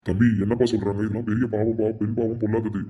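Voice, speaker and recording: A woman voicing an older male temple priest who questions and admonishes gently. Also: very deep voice, flat delivery, very fast, husky, lo-fi sound, voice pushed down. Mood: admonishing.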